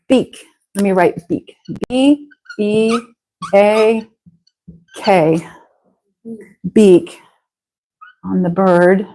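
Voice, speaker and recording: A woman with an Ohio accent teaching an English pronunciation class, slowly repeating words for her students to say after her. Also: medium pitch, warm tone. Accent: Ohio American English. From Ohio, USA. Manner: slow, patient, repeats words for students to echo. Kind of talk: live online English pronunciation lesson.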